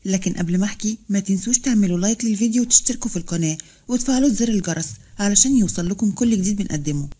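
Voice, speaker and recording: A woman with an Egyptian accent narrating a story in a brisk, friendly way. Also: mid-range voice, dark tone. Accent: Egyptian Arabic.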